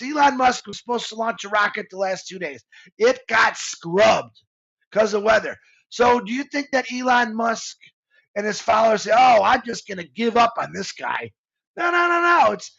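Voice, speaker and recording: A man's voice: extremely high pitch, expressive, normal speed, vocal fry, fairly bright tone, dull audio. A man in his fifties co-hosting a live motivational talk, earnest and rambling, restarting his sentences as he goes. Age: 50s. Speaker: show co-host.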